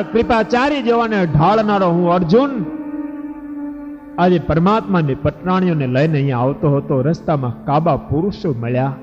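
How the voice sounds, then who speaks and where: A man voicing a grief-stricken warrior prince who sobs to his elder brother in a low, broken voice. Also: darkish tone, lightly acted. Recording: echoey hall, dull lo-fi, faint music.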